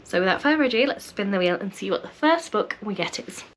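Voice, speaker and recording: A book vlogger chats casually to camera from a home room lined with bookshelves, friendly and thinking aloud. Her medium-pitched voice is animated and fast, a little nasal and congested from a cold, and the recording is very noisy.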